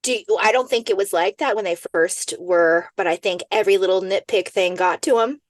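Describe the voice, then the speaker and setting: A woman's voice: mid-range voice, fairly quick, dry recording. Chatty gossipy woman podcast co-host. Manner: chatty, gossipy, animated retelling. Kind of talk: casual chat.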